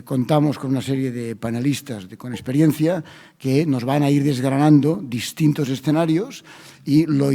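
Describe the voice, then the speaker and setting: A man with a Spanish accent moderating a medical conference session, measured with frequent fillers. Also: medium pitch, dark tone. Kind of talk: conference introduction. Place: conference hall. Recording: long hall reverb.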